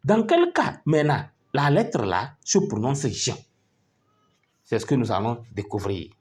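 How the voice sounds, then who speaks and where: A man's voice: mid-range voice, very animated, a little slow. A male teacher giving a patient phonics lesson, spelling out letters and syllables one by one and often checking that his pupils are following.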